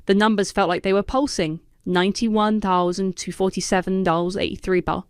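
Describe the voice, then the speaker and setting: Perempuan narator cerita yang jernih dan kering. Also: female voice, medium pitch, steady tone, brisk, clean tone, no room sound, studio quality. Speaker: story narrator. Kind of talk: scripted first-person narration.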